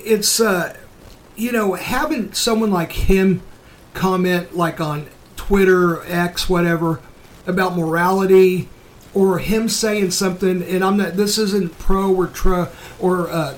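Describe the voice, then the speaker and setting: A man with a notably high-pitched voice hosts a casual talk show. He delivers opinionated commentary bluntly and emphatically, swearing freely as he goes. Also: slight background noise. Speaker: show host.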